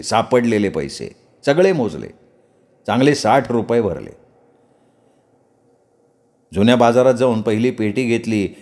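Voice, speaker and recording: A man narrating a first-person story in a conversational, lively storytelling manner. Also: medium pitch.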